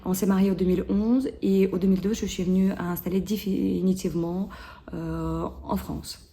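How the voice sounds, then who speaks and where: A woman in her thirties with a Ukrainian accent answers interview questions haltingly, full of fillers and restarts. Her mid-range voice has a flat delivery and a dark tone.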